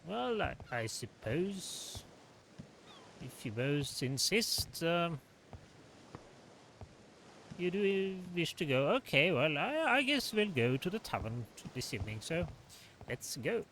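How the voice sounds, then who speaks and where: A man's voice: on the high side, very animated, slow, pauses often, fairly bright tone, slight background noise, rough recording. A man improvising in-character game narration as a storyteller, polite and theatrical with a hesitant delivery. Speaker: storyteller and gamer playing in character.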